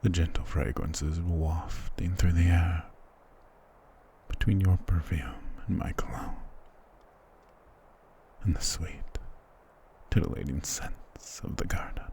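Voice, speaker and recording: A man with a deep, warm voice plays a dominant vampire lord in intimate ASMR, doting on the listener with possessive tenderness and formal endearments. He speaks slowly with long pauses in a tender, seductive mood. A little hiss or hum sits under the audio.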